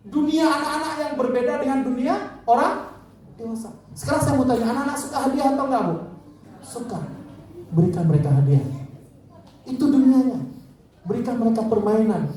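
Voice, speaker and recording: A man's voice: very high voice, dark tone. A male preacher giving a parenting seminar talk in a large hall, telling stories animatedly and acting out the dialogue. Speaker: Islamic preacher and parenting speaker. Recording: echoey hall from far off.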